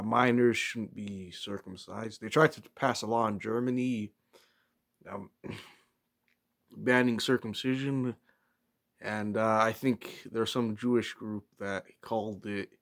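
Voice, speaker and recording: A man giving a rambling, casual opinion talk as a solo vlogger, hesitant and often pausing to search for words. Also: fairly low pitch, fairly even intonation, vocal fry, fairly bright tone.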